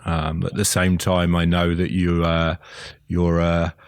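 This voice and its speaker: Very deep-voiced male interview host. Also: completely flat delivery, smooth, no room sound, studio quality. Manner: measured, searching for words with fillers. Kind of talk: interview questions.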